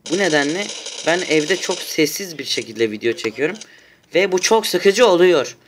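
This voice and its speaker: A man giving loud, excitable commentary while playing a shooter game at home, often shouting and swearing at his teammates. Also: fairly high pitch, normal speed, noisy background. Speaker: gaming YouTuber.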